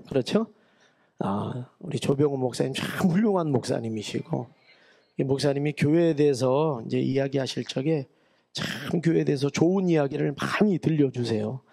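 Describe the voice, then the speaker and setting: A man's voice: mid-range voice, vocal fry, a little mellow, husky. A middle-aged man with a Chungcheong accent, a guest pastor preaching a revival sermon in a folksy, chatty way, joking with the congregation. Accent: Chungcheong Korean. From Chungcheong, Korea. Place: church sanctuary.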